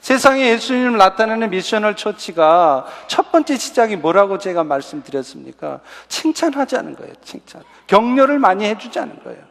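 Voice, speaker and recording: A man with a notably high voice preaches a sermon, talking to his congregation in a conversational way and asking them rhetorical questions. His words ring out with a long reverb, as in a large church sanctuary. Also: big pitch swings, brisk, creaky, few pauses. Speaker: pastor.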